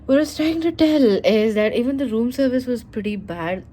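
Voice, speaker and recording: A woman's voice: fairly high pitch, lively intonation, brisk, warm tone, a little hiss or hum. A woman with a South Indian accent chatting casually and candidly in a rambling vlog, recorded on a handheld camera in a hotel room. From Mysore, South India. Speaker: vlogger.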